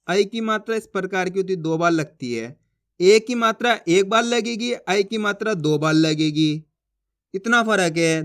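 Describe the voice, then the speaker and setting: High-voiced man teaching, patient and repetitive. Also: fairly bright tone. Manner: patient, repeats syllables, checks understanding. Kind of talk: Hindi reading lesson.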